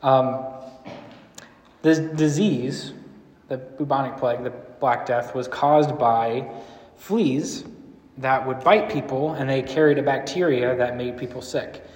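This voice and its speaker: A man's voice: medium pitch, slow, darkish tone. A man teaching a group in a casual, rambling way, often asking the room questions. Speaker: church speaker teaching a series. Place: large room with a live audience. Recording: echoey hall with long reverb.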